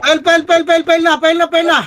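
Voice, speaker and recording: High bright man barking game calls. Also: monotone. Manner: barks rapid repeated callouts, swears when frustrated. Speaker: squad leader calling commands. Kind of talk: shouted game commands to a team.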